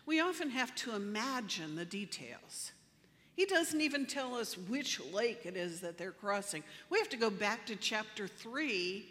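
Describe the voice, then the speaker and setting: A woman preaching a sermon in a slow, deliberate way, leaning hard on key words. Her voice is bright and ringing. It carries a long reverb from the church hall she speaks in. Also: medium pitch. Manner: measured, emphatic preaching with slow deliberate phrasing. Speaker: pastor.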